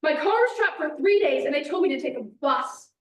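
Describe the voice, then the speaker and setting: High-voiced woman reading a proud actress. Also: animated, a little fast. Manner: proud, boastful, edgy. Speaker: actor in a staged reading, playing an actress fleeing Kyiv. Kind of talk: stage play reading. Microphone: distant microphone. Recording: echoey room, distant mic, faint noise.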